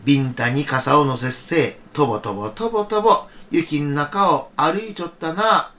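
A man's voice: on the high side, normal speed, pushed and bright. A man hosting a radio show, retelling a folktale in easygoing Kagoshima dialect. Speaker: radio host.

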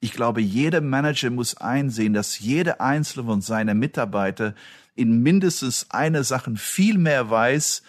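Belgian executive speaking non-native German. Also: male voice, medium pitch, dry recording, clean studio sound. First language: not German. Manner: earnest, slightly broken German grammar, restarts. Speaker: company chief executive. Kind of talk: interview answers.

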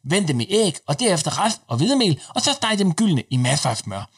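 A man narrating a recipe in a deadpan, instructional manner. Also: on the high side, slightly rough.

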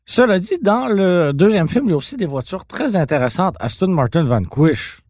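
A man with a Québécois French accent co-hosting a podcast, telling stories in a teasing, animated way. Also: sits high, moderate pace, no echo, studio quality. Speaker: podcast co-host. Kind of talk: casual podcast chat about car films.

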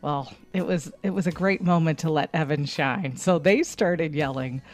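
A woman's voice: low voice, moderate pace, a little mellow. A woman co-hosting a morning radio show, chatting and reading news stories in a conversational way, laughing easily. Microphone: studio microphone.

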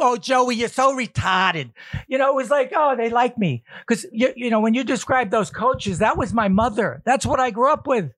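A middle-aged man hosts a casual chat, rambling gruffly and swearing as he tells his stories. His voice is recorded close and dry, with no room sound. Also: very high voice, a bit bright, no room sound. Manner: gruff, rambling storytelling with profanity.

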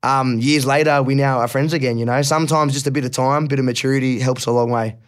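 An Australian man speaks in a steady, middle-pitched voice as a podcast guest. He talks openly and thoughtfully, drops the odd swear word, and stumbles over repeated words when a point hits home. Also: fast, clean tone. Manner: candid, reflective, swears casually, repeats words when emotional. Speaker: guest rapper. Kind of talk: casual podcast interview.

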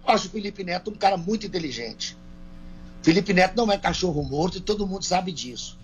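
A man's voice: sits high, expressive, fast talker, dull audio, a little hiss or hum. A man from Brazil, a country singer answering interview questions in a folksy, colloquial way over a remote call. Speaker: guest singer. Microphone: remote call, phone or earbuds.

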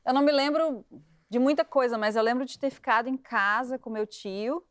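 Woman with a smooth, clear voice; thoughtful and gently playful in casual chat. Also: fairly high pitch, normal speed, no room sound. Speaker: guest. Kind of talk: casual storytelling in a group chat.

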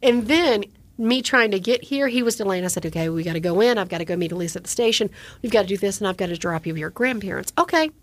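A woman's voice: medium pitch, fast talker, few pauses. A woman in her forties co-hosting a podcast, chatting casually and telling a story while acting out the quoted voices. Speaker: podcast co-host. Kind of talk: casual chat.

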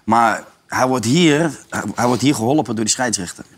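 A man's voice: mid-range voice, normal speed, a little hiss or hum. Analytical male pundit breaking down footage. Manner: analytical, points through match footage. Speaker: football pundit. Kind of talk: casual podcast chat.

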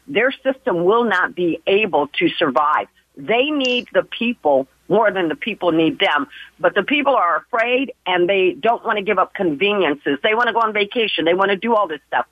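A woman's voice: mid-range voice, no echo. A woman calling in to a radio talk show over the phone, earnestly urging listeners to act. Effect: heard over a phone line. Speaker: caller. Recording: tinny dry phone line.

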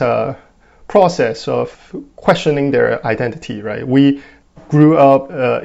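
A man's voice: mid-range voice, creaky, a little mellow, dull audio. A man in his twenties with a Hong Kong accent, giving thoughtful interview answers with many fillers and "right?" tags. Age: 20s. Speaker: guest.

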